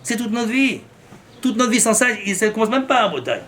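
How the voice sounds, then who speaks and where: A man's voice: high voice, big pitch swings, fairly quick, fairly bright tone, slight background noise. A man, a rabbi, giving an impassioned sermon, breaking into fervent rhetorical questions and mixing in Hebrew terms. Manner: mixes Hebrew terms into his speech.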